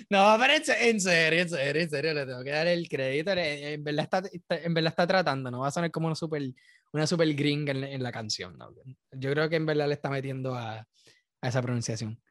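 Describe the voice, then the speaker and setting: Podcast host, male, Puerto Rican Spanish accent, slightly high voice, loose, profane and laughing, dry close sound. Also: a little fast, a bit bright, no room sound. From Puerto Rico. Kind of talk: casual podcast chat reacting to a video.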